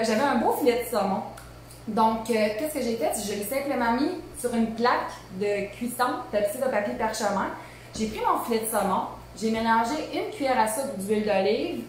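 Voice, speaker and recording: A Québécois woman hosts a casual live cooking demo from her home kitchen, talking in a loose, chatty way full of fillers and asides. Her voice bounces around a very echoey room, with a faint hum behind it. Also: a little high. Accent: Québécois French. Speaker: cooking show host.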